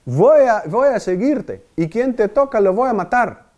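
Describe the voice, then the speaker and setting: A man's voice: high voice, animated, unhurried, a little mellow, lo-fi sound, voice pushed up. A man voicing an impulsive, fiercely loyal fisherman apostle who protests emphatically. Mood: fervent.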